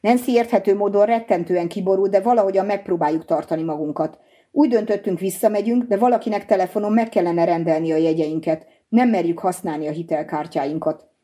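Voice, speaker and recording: A woman's voice: mid-range voice, dark tone, natural voice. A woman voicing a shaken but composed adult woman in an audiobook. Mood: strained.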